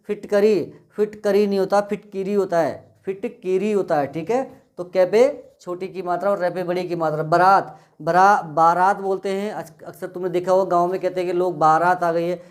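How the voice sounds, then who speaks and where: Flat-voiced male teacher. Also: high-pitched. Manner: drills words by repeating them, flat and steady. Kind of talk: exam-prep spelling lesson.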